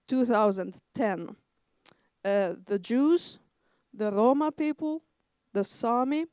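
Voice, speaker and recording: A woman's voice: mid-range voice, darkish tone, clean tone, dry recording, clean studio sound. Hesitant woman historian on a panel. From Sweden. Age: 40s. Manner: measured, with frequent hesitations. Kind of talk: academic panel talk.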